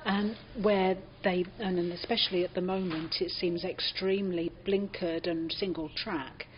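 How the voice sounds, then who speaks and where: An older woman with a British accent shares reflective anecdotes in an oral history interview, giving voice to the people she quotes. Her pitch is fairly low and her intonation fairly even at a moderate pace, and the dull, muffled lo-fi recording carries a little hiss or hum.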